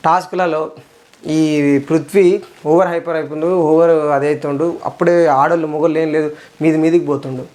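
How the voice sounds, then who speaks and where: A man's voice: a little high, steady tone, moderate pace, a little mellow. A young man with a Telangana Telugu accent reviewing a reality show episode in a casual, indignant rant, repeating phrases for emphasis.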